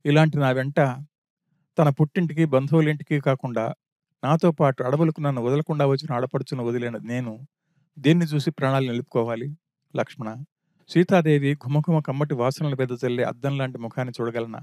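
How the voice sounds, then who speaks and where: A man reading the part of a grieving prince pours out his lament in a mellow, dark voice, one anguished question after another. The sound is dry and close, with no room around it. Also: mid-range voice, steady tone, brisk, dry recording, close to an everyday voice.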